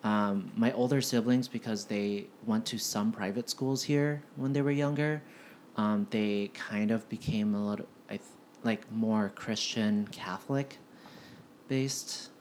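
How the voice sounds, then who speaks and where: A man's voice: lowish voice, fairly even intonation, measured pace, a little mellow, a little hiss or hum. A man in his twenties from the United States, a guest in a casual podcast conversation, talking hesitantly with many "um" and "like" fillers. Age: 20s.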